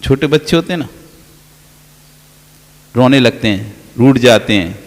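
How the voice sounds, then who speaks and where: A man's voice: medium pitch, expressive, unhurried, gravelly. A man, a Jain monk, giving a sermon, telling everyday stories with playful quoted dialogue and the odd laugh. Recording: long reverb of a hall.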